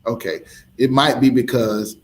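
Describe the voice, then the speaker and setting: A man's voice: medium pitch, steady tone, a little slow, slight background noise. A man teaching as a street preacher, emphatic and full of rhetorical questions, with laughing asides.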